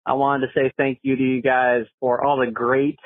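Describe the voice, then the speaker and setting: A man's voice: medium pitch, little pitch movement, normal speed, no echo. An American man leaving a casual, rambling voicemail message as a listener calling in to a show. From Florida, USA. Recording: muffled narrow phone voicemail line.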